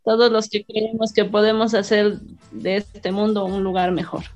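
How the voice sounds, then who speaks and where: A woman's voice: mid-range voice, little pitch movement, normal speed, darkish tone, lo-fi sound, faint music behind. A woman from Bolivia with a Bolivian accent, speaking conversationally as an interviewee. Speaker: interviewee, grassroots party supporter.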